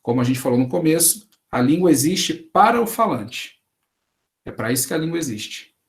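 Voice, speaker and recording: A man's voice: fairly high pitch, lively intonation, moderate pace, creaky. Brazilian man lecturing conversationally. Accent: Brazilian Portuguese. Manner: conversational, rhetorical questions, frequent tag "né". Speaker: Portuguese teacher giving a lecture.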